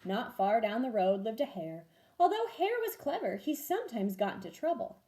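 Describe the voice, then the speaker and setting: A woman reading a children's story aloud in an expressive, deliberate way, like a teacher with pupils. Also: fairly high pitch.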